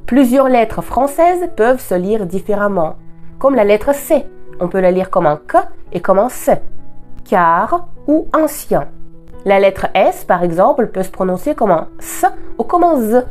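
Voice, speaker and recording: A woman from Russia, a native Russian speaker, giving a scripted language lesson and slowing down to pronounce example words with care. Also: medium pitch, sing-song, a little mellow, faint music behind. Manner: clear, deliberate teaching, slowing to model example words. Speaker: language teacher.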